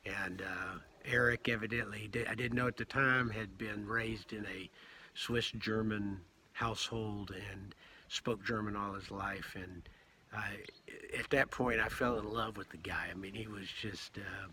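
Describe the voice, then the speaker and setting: A middle-aged man talks through his day in a halting, reflective way, full of pauses and fillers. His voice sits a little low but sounds bright and forward. A faint ambient hum runs underneath. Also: steady tone. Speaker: pilgrim vlogger. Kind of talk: casual spoken diary.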